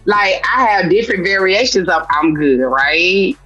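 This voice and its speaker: A woman's voice: fairly low pitch, animated, a little slow, bright, forceful tone, no room sound. Sarcastic woman co-hosting, lo-fi sound. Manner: sarcastic, acts out her own lines, playful. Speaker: podcast co-host. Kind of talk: casual chat. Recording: dull lo-fi sound with faint music.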